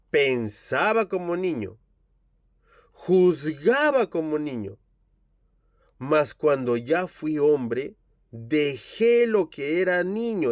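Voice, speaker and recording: Slow earnest preacher guy, bible study sermon, dry voice, odd japanese fillers. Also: on the high side, no echo. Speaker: pastor.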